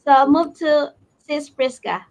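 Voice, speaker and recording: A woman from the Philippines introducing herself as a guest in a live chat, lively and correcting herself as she goes. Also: high voice, measured pace. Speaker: panel guest. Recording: dull lo-fi call audio.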